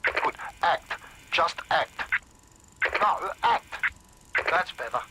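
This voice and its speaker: An actor playing a secretive male speechwriter who calmly coaches a speaker, repeating short instructions. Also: fairly high pitch, very slow, creaky, full character voice. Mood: instructing. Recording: noisy old dictation tape.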